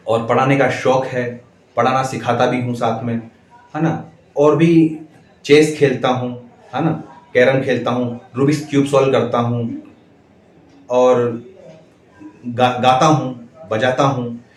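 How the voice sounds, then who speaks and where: A male schoolteacher telling viewers a story in a measured, deliberate way, with steady pauses, addressing them as friends. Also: mid-range voice, reverberant. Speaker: schoolteacher and channel host.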